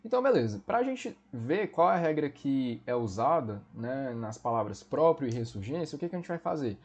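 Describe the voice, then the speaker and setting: A man teaches a Portuguese grammar lesson for exam preparation, explaining step by step and often checking in with quick tag questions. His voice is medium-pitched, slightly rough and very animated.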